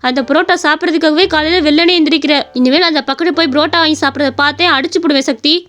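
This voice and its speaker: A woman's voice: sits high, fairly even intonation, racing, fairly bright tone. A woman voicing a strict but caring mother in a cartoon story, scolding and firm. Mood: stern.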